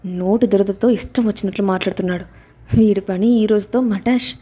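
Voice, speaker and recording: A woman voicing a fiery young woman disguised as a man, sharp-tongued and scolding. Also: medium pitch, steady tone, a little fast, breathy edge, lightly acted. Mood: grumbling.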